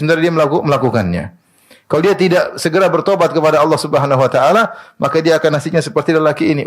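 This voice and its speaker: A man preaching a sermon to a women's study group, animated, asking questions and answering them himself, with Arabic recitations. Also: mid-range voice. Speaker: Islamic preacher.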